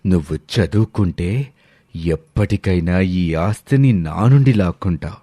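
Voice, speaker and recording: Casual one: guy doing a cold greedy villain uncle in a story, lowish dark voice, threatening, dry sound. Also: a little slow, no echo. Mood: menacing. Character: ruthless greedy middle-aged male villain uncle. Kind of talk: storybook voice acting.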